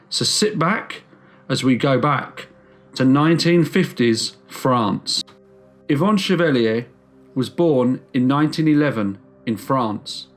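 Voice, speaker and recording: Male host reading a true crime story, steady mid-range voice, slows down to stress key words. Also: medium pitch. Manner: measured storytelling with slow emphatic stresses. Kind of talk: scripted true crime narration.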